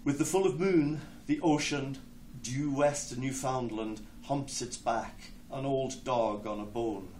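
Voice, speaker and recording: A man with an Irish accent, a poet giving a reading with spoken introductions, hesitant between phrases and slow in verse. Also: medium pitch, a little mellow. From Ireland. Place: lecture hall with an audience. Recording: echoey hall, distant mic, background noise.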